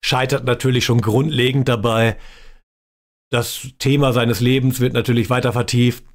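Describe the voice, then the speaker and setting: A man's voice: medium pitch, little pitch movement, moderate pace. A man hosting a reaction video, giving mocking commentary in a dry, sarcastic tone. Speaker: reaction channel host.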